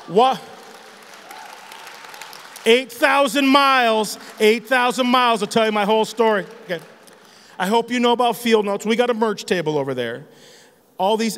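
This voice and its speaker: A graphic designer in his 40s from northern Michigan gives a loud, profane conference talk on a large hall stage, bantering with the audience. His high, slightly bright voice is brash and joking as he swears freely and chides the crowd. Long hall reverb fills the recording.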